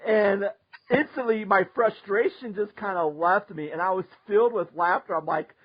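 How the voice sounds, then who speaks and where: Man, podcast host, higher voice, animated storyteller, laughs often, dull lo-fi recording. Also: normal speed. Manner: animated, laughs often while telling stories. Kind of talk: casual storytelling chat.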